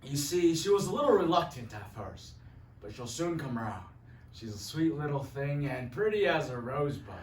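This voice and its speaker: A man's voice: fairly high pitch, very animated, normal speed, slight background noise. A man playing a pompous, cruel judge who speaks in a haughty, commanding way and bursts into anger. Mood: stern. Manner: haughty and commanding, with angry outbursts. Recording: echoey room, distant mic.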